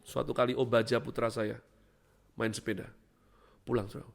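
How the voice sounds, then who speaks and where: Lively preacher, loud then hushed. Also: male voice, mid-range voice, moderate pace, creaky. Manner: lively preaching, swings between loud exclamations and hushed asides; keeps addressing the congregation as "saudaraku". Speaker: pastor. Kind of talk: sermon. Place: church.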